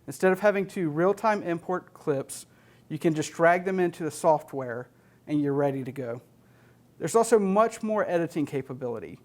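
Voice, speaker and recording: A man in his thirties with an American accent and a slightly high voice delivers an instructional presentation on an indoor studio stage with an LED wall. Plain-spoken and matter-of-fact, he walks through things step by step like a technician. His delivery is animated and moderately paced.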